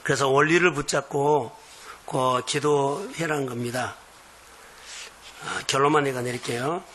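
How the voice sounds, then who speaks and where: A man preaching a sermon as pastor of a church, in earnest, slow, emphatic phrases. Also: mid-range voice, fairly bright tone. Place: church sanctuary.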